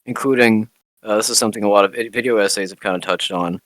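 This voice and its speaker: A man with a somewhat low voice co-hosts a casual film podcast. He explains details in a relaxed way and swears now and then. The recording is dry and close. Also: fast talker, dry recording, rough recording. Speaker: podcast co-host.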